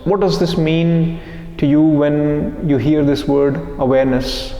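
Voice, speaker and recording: A man leading a live meditation group, talking slowly and calmly, asking the group questions and repeating their answers back. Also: fairly high pitch, reverberant, big-room sound. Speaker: meditation teacher. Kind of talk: live guided meditation talk.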